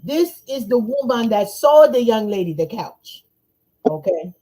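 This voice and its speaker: Animated woman podcast host, lively banter. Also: a little high, unhurried, low-quality recording. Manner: loud, laughing, animated banter. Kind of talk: casual chat. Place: home, eating on a livestream.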